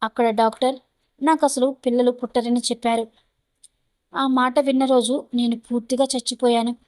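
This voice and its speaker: A tearful, wronged ex-wife in jail, as a woman narrator puts her on, telling her side sadly. Her voice is slightly high and closely miked. It sounds dry, like a storybook read straight into the microphone. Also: little pitch movement, moderate pace, darkish tone, dry recording, natural voice. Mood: sorrowful. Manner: cool then pleading, tearful.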